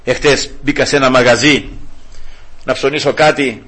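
Husky middle-aged guy preaching, bright sharp voice, goes quiet then loud. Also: mid-range voice, fairly even intonation. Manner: fervent, swings from hushed to exclamatory. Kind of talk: sermon with personal testimony.

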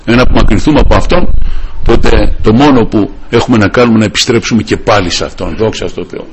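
A man's voice: fairly low pitch, slight background noise, poor audio. A man preaching a sermon. He speaks fervently, calls his listeners brothers and breaks in often with short cries of praise. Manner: fervent, punctuates with repeated praise exclamations.

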